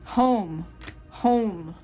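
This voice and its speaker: A woman doing a tarot reading, talking slowly and pausing between cards. She gets openly fed up, muttering and swearing at the cards while faint music plays behind her. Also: mid-range voice. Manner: exasperated, swearing, muttering asides. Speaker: tarot reader. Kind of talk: channeled tarot reading to viewers.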